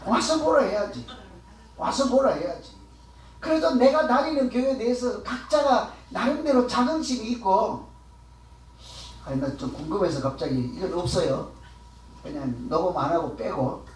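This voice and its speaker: A man's voice: sits high, expressive, moderate pace, slight background noise. A man preaching a sermon as pastor, talking in a conversational way, asking the congregation questions and acting out quotes. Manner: acts out the quoted words of others. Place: church sanctuary. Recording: echoey hall, voice from far off.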